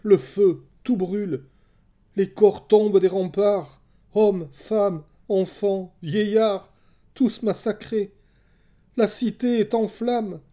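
A man's voice: medium pitch, unhurried, mellow, close to an everyday voice. A man voicing a desperate young prophetess whose warnings go unheard, pleading and crying out in a raised voice. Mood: frantic. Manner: frantic, pleading, rising to wild cries.

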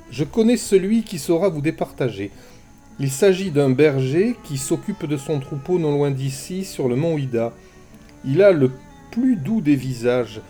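A man's voice: fairly high pitch, dark tone, pitched above the performer's own voice. A man voicing a charming young messenger god who speaks in a light, bantering way, raised above his narrating voice, over faint music.

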